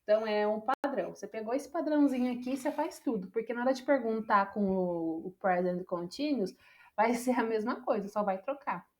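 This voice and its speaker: Woman, Brazilian Portuguese accent, English teacher, slightly high voice, patient explaining, computer mic. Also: expressive, fairly quick. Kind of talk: online class teaching. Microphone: computer microphone on a video call.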